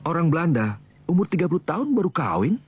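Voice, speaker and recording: An actor playing a dismissive young man in his twenties who mocks his parents' plans, with a husky voice. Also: on the high side, very animated, fast, darkish tone, exaggerated voice. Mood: mocking. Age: 20s. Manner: teasing, laughs off his parents. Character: young man back from the city, dismissive and cocky. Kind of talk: TV drama acting.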